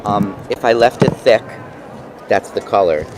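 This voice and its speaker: A man with a New York accent casually explaining and demonstrating craft products, pausing mid-sentence as he works. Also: fairly low pitch. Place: busy convention booth. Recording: noisy trade show floor background.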